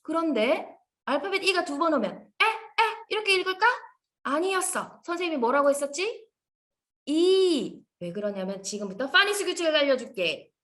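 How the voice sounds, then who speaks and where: A woman teaching an English phonics lesson to young children in an animated, sing-song, encouraging way. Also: high-pitched, normal speed.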